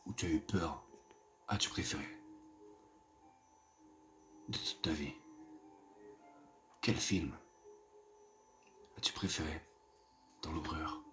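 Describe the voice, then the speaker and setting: A man in a whispered role-play, voicing a creepy figure who asks hushed, eerie, drawn-out questions. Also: low voice, a little hiss or hum, voice pushed down. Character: creepy whispering man asking about fears.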